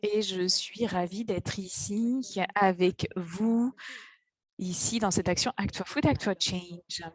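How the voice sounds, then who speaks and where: A woman interpreting live for an online event, her voice husky and a little breathy. She keeps up with the speakers in bursts, pausing on fillers and restarting phrases as she goes. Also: medium pitch. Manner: halting, with fillers and restarts while keeping up with speakers. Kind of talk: live interpretation of moderator and panel introductions.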